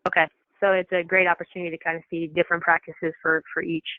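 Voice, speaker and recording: A program coordinator speaks fast in a level, mid-range voice, explaining things to coaches in a matter-of-fact, informal briefing. The telephone conference recording is tinny and echoey.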